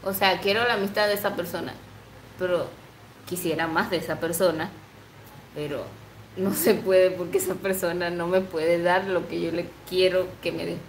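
A woman's voice: fairly low pitch, steady tone, moderate pace, echoey room, a little hiss or hum, rough recording. A woman in her twenties chatting casually on a livestream, reading comments aloud, giggling often and cooing baby talk to her pet. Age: 20s. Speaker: livestream host.

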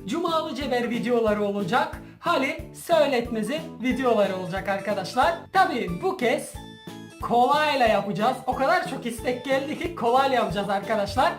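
A woman chatting casually to her viewers as a challenge host, animated and giggly, trying not to laugh. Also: fairly high pitch, fairly quick. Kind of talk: casual vlog chat to viewers. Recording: roomy echo, music behind.

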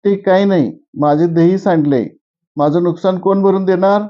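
A man's voice: high-pitched, moderate pace, close to an everyday voice. A man reading a story aloud voices an angry middle-aged woman who sells curd, scolding with accusing questions. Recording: dull lo-fi recording.

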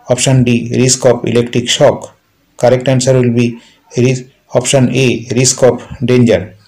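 A man reading multiple-choice quiz questions and answers aloud as a teacher, in a steady, repetitive listing manner. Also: medium pitch, rough recording.

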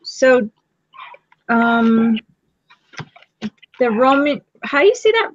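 Brief: easygoing woman, fairly high voice, casual craft-stream chat over a muffled lo-fi line. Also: big pitch swings, slow. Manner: chatty, easygoing, talks while working. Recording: lo-fi live-stream audio.

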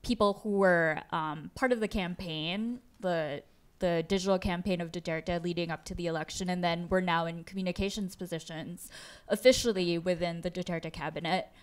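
A Filipino woman in her thirties, a native Tagalog speaker, answers conversationally as a guest journalist on an auditorium stage, thinking aloud hesitantly. She holds a handheld mic at her chest. Her clean-toned voice is on the low side, with fairly even intonation and a moderate pace.

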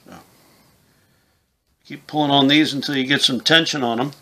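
Guy in his 50s doing a casual how-to, plain spoken, crackly fry in a bright voice. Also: medium pitch, fairly even intonation, moderate pace. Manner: plain-spoken, informal, explains step by step. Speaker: instructor, game call maker. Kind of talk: casual hands-on product tutorial. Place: small indoor room with camouflage backdrop.

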